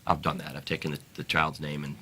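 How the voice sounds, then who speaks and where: A man with a notably low voice and a bright, forceful edge. He talks as an interview guest in an earnest, halting way, often restarting his sentences. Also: completely flat delivery, a little hiss or hum. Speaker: guest author. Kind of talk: interview talk.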